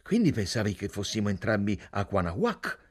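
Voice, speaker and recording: A man reading an audiobook, voicing a wry, guarded adult woman in a quiet, dry questioning tone. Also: on the low side, big pitch swings, brisk, pitched below the performer's own voice. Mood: probing.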